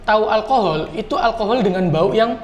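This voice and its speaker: A man's voice: sits high, brisk. Chatty man, echoey room. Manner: animated storyteller, repeats words. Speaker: podcast host. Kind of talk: casual chat. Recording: echoey room with light noise.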